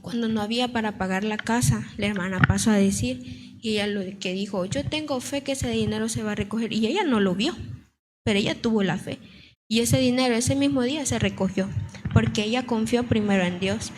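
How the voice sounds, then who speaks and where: A woman's voice: on the high side, brisk, a little mellow, soft background music. A young woman from a church giving an earnest testimony to her congregation, repeating herself as she tells it, her throat still sore. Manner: earnest, repetitive storytelling. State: sore throat, slight cough.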